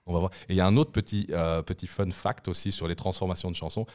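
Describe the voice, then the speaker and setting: A man's voice: deep voice, fairly even intonation, fast talker, darkish tone. A young man co-hosting a casual podcast in a studio, joking around and breaking into bits of song. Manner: playful, breaks into snatches of song. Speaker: podcast co-host.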